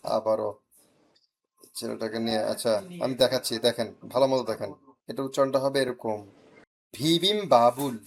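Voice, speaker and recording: A man teaching Korean, correcting a student's reading and drilling words slowly syllable by syllable, with some teasing. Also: mid-range voice, level tone.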